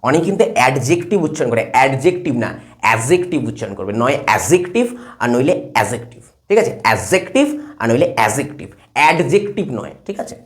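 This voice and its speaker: A man teaches English grammar, writing on a board as he goes. His pitch swings widely and brightly, and his delivery is animated. He keeps stopping to ask his class whether the point is clear. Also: fast, few pauses. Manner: lively, asks checking questions again and again. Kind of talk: classroom lesson at a whiteboard.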